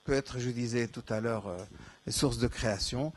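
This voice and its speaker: Here a man from Morocco, a Darija native speaker, takes questions after a conference talk in a lecture hall, frequently restarting and filling pauses. His voice is mid-range and moderately paced with a breathy edge, recorded without echo.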